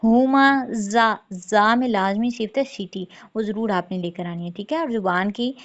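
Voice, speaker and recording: A woman teaching Quran recitation rules patiently, saying words slowly and repeating them. She often checks in with "theek hai" and. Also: mid-range voice. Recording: dull lo-fi sound.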